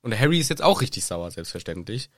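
Animated young man chatting casually. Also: on the low side, quick pace, dry recording, clean studio sound. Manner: joking, animated, often laughing. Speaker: podcast co-host. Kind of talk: casual chat.

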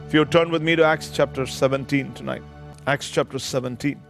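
A man's voice: medium pitch, steady tone, brisk, gravelly, over music. A man, a pastor preaching a sermon into a pulpit microphone, emphatic and drawing out scripture phrases word by word.

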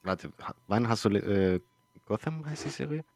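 A man's voice: on the low side, lively intonation, normal speed, gravelly, a little mellow, no room sound. A man from Chile speaking German, chatting casually on a podcast, slangy and often searching for words. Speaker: podcast co-host. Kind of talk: casual chat.

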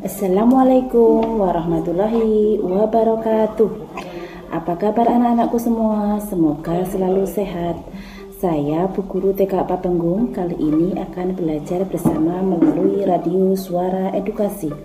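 A woman's voice: medium pitch, moderate pace, echoey room. A kindergarten teacher, a woman, teaching young children over radio in a sing-song way, asking them questions.

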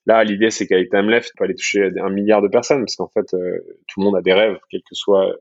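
A man from France, an entrepreneur guest talking casually in an interview, relaxed and full of fillers and "you know" asides. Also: low voice, fast, no room sound, highs cut off.

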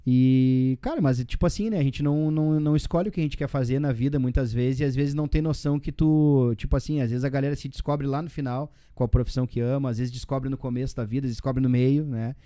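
A man's voice: mid-range voice, fairly even intonation, quick pace, few pauses, dark tone, clear, resonant tone, no room sound, studio quality. A man in his forties from southern Brazil with a Rio Grande do Sul accent, rambling through memories as an interview guest, full of tag questions and slang fillers. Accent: Rio Grande do Sul Portuguese. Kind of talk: casual interview storytelling.

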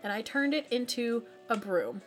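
A woman co-hosting a podcast, telling a travel story in casual, animated chat. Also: a little high, moderate pace, faint music behind. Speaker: podcast co-host.

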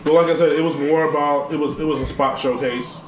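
A man on a casual podcast gives a calm, analytical breakdown. He sits well back from the mic. The room is echoey, with clear background noise. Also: fairly high pitch, fairly quick, distant mic. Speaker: podcast co-host. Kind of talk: casual chat.

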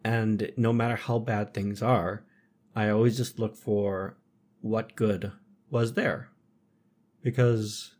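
A man hosting a podcast who speaks in measured, reflective statements during casual chat. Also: lowish voice, darkish tone. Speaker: podcast host.

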